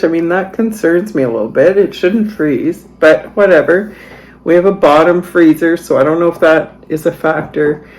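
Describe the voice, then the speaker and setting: A woman's voice: low-pitched, darkish tone, poor audio. A middle-aged woman vlogger talking casually to her viewers, chatty and dryly sarcastic as she tells a story. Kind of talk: casual chatty voice-over vlog.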